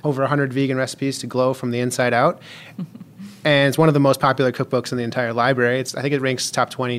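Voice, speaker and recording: A man on a casual podcast, explaining how he made a dish in a relaxed way with small fillers. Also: medium pitch. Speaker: podcast guest cook. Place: public library recording space.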